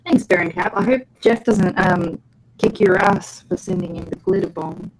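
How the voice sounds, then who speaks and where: An Australian woman in casual chat, laughing often, her voice robotic and underwater from a low sample rate call mic. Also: darkish tone, a little hiss or hum, rough recording. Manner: laughs often, quick short replies. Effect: robotic, underwater-sounding low sample rate mic. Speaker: livestream co-host. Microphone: glitchy computer mic on a video call.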